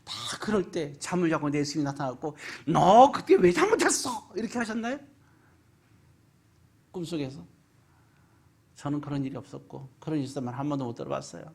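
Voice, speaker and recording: A pastor preaching a Sunday sermon, asking the congregation questions and swinging between loud and hushed. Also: mid-range voice, racing, creaky, few pauses, breathy edge. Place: church sanctuary.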